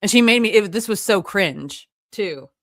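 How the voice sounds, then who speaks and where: A woman's voice: mid-range voice, expressive, a bit bright, dry recording, studio quality. A woman in casual podcast chat, enthusiastic and chatty about a show she loves. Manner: enthusiastic, chatty, quick agreeing replies. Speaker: podcast co-host.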